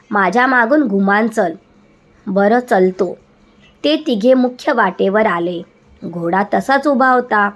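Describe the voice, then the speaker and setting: Female storyteller, measured dramatic narration of a village folk tale; mid-range voice. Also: medium pitch.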